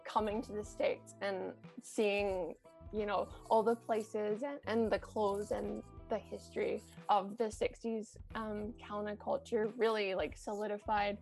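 Kiwi woman guest, 30s, vocal fry, talks through a lot of fillers, faint music under. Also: mid-range voice, level tone, a little slow, darkish tone. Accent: New Zealand. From New Zealand. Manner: chatty, many ums, laughs often. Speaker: vintage shop owner, guest. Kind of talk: casual interview.

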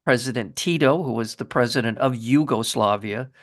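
A middle-aged man hosting a radio interview, reading a scripted intro, then asking questions in measured phrasing with frequent restarts. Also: mid-range voice. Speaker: radio show host.

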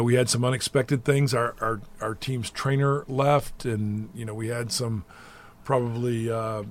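This middle-aged man, head coach of a college basketball team, responds to an interviewer with careful, deliberate answers and frequent restarts. He speaks at a medium pitch, and there's a slight hiss or hum in the audio.

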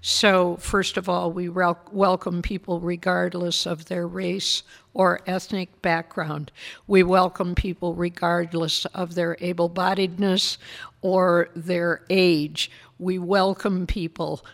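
An older woman minister answering interview questions in a measured, thoughtful way, explaining things patiently. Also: fairly low pitch, level tone, creaky.

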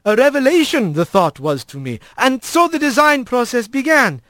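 A man performs a full character voice of a formal male squirrel priest, pitched very high above his own, very animated, fairly bright, at normal speed. The clean, dry studio recording captures a ceremonious mood, with the priest using inverted, stately word order.

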